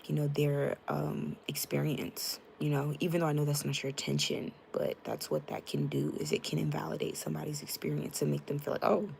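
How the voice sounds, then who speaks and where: A woman's voice: low-pitched, brisk, creaky, hardly any pauses, a little mellow, slight background noise. A young woman chatting frankly with her live-stream viewers, greeting them by name and using lots of fillers, into a tablet mic. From United States. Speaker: livestreamer.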